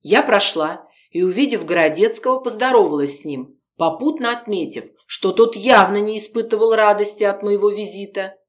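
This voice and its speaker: Female narrator, measured first-person audiobook reading. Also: medium pitch.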